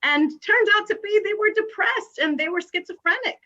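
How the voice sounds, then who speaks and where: A woman's voice: very high voice, expressive, moderate pace, bright, forceful tone, highs cut off. A woman from the Dominican Republic leading a panel discussion, speaking hesitantly with many fillers and restarts.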